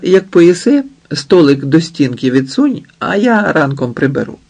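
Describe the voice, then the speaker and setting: A man's voice: on the high side, sing-song, measured pace, gravelly, a little mellow, husky, voice pushed up, heavily acted. A man voicing a kindly, bossy older nanny in an audiobook, with a raised voice.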